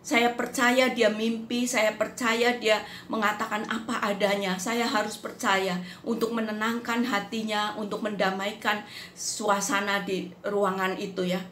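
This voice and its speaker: A woman telling a faith testimony in an unhurried, earnest devotional manner. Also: mid-range voice, little pitch movement, a bit bright. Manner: unhurried, earnest storytelling that acts out quotes. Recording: roomy echo with faint background noise.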